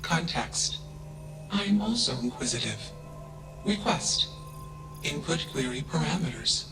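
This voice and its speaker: A man voicing a self-aware machine intelligence in a video game, speaking flatly and without emotion, opening each clipped statement with a one-word tag. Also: a little high, measured pace. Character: flat emotionless self-aware AI who insists it is a person. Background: game music.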